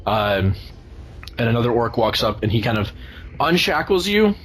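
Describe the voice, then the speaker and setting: A man improvising tabletop game narration as game master, often searching haltingly for his words. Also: medium pitch, very animated. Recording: noisy room recording.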